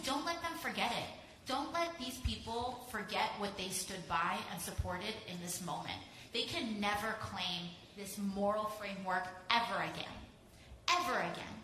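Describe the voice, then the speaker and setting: A woman's voice: mid-range voice, normal speed, pushed and bright, slight background noise. A woman panelist speaking with passion and emphasis, returning to the same phrases again and again. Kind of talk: impassioned panel remarks. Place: panel event hall. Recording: echoey hall.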